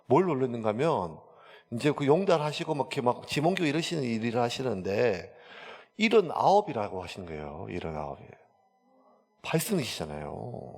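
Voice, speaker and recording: Male pastor, mid-pitched, folksy sermon storytelling, long church reverb. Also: sing-song, brisk. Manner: chatty storytelling with many fillers. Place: church sanctuary.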